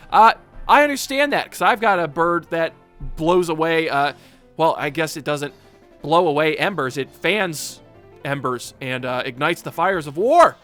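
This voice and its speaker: Bright, animated male let's-player, rambling and joke-filled commentary over faint game music. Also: on the high side, clean tone. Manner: rambling, filler-heavy and joking. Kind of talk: casual gameplay commentary.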